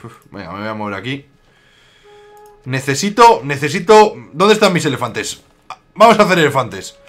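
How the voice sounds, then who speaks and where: A man's voice: mid-range voice, very animated, moderate pace, a bit bright. A man from Spain with a slight Aragonese accent, giving casual, jokey commentary while playing a strategy game and talking back to his rivals. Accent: Aragonese Spanish. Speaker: gaming YouTuber.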